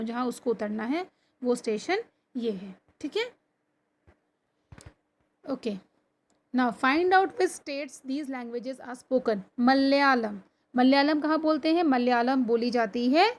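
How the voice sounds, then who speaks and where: A woman teacher with a high voice records a lesson for her pupils. She reads each textbook line slowly and deliberately, then breaks it down in Hindi. She often asks the students questions and checks in with them as she goes. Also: a little mellow. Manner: often checks in with "theek hai". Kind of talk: recorded online lesson explaining a textbook chapter. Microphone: computer or phone screen recording.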